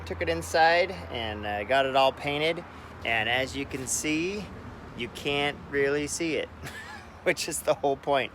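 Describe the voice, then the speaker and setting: A man's voice: mid-range voice, fairly bright tone, a little hiss or hum. A man talking casually through a small truck repair in a how-to vlog, chatty and easygoing with plenty of fillers. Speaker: vlogger. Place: garage or outdoors by a truck, winter.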